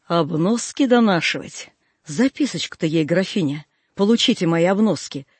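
A fierce young woman bursts out in scorn and defiance, as a man reads her part. The voice sits high and a little husky, and the recording is close and dry with no room sound. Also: animated, moderate pace, no echo. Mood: defiant scorn. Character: fierce proud young woman, wild and imperious.

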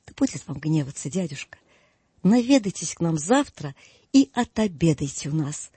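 A man reading an audiobook voices a cheerful, earnest young man who talks warmly and pleads kindly. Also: on the high side, big pitch swings, normal speed, husky, dry recording, exaggerated voice. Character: cheerful young man, warm-hearted nephew.

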